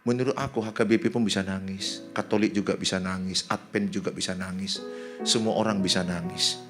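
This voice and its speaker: A man's voice: low-pitched, fairly even intonation, brisk, soft background music. A man from Indonesia, a pastor, preaching a sermon and joking with the congregation.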